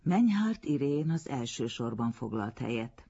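A man reading a literary story aloud in an expressive storytelling manner, on a dull lo-fi recording. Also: medium pitch, creaky, breathy edge. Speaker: narrator. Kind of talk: literary audiobook narration.

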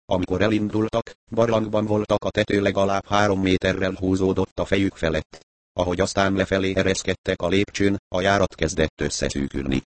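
A man narrating a novel in a steady, even storytelling manner. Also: low voice, dry recording. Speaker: audiobook narrator. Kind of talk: scripted narration.

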